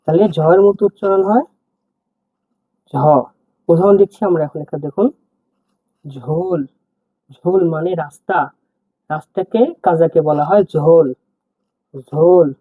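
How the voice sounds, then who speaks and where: A man's voice: a little high, husky, no echo. A man teaching an alphabet lesson, repeating each word and its meaning patiently. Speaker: language teacher. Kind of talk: slow spoken alphabet lesson. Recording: tinny phone-like sound.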